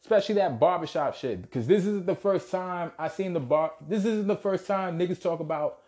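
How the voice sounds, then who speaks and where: A young man with a fairly high-pitched voice, ranting in commentary style. He talks in a heated, emphatic way, swears freely and repeats points for force. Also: lively intonation, fairly quick, a little mellow.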